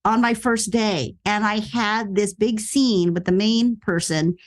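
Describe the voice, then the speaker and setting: A middle-aged actress telling a story in a casual interview, acting out quoted lines with sudden jumps in pitch. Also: female voice, a little slow. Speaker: actress and podcast guest.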